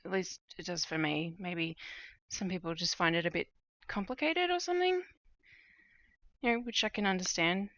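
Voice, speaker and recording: A woman's voice: fairly low pitch, no echo, dull audio. A woman chatting casually on a live stream while she stitches at home at night, thinking aloud with lots of fillers, her voice getting a little worn. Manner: relaxed, unhurried, thinking aloud with many fillers. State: starting to lose her voice.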